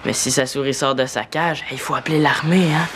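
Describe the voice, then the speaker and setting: A woman's voice: rumbling low, fairly even intonation, a little fast. An actress playing a sarcastic young woman in a TV series, speaking with a Québécois accent and a teasing manner. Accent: Québécois French. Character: sarcastic young woman who teases her sister. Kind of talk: TV series acting. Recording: loud background hiss.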